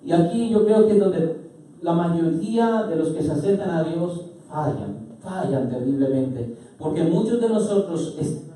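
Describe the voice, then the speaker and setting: A male pastor giving a sermon, asking the congregation questions and rising to loud, emphatic declarations. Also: fairly high pitch, lively intonation, measured pace. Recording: echoey hall, voice from far off.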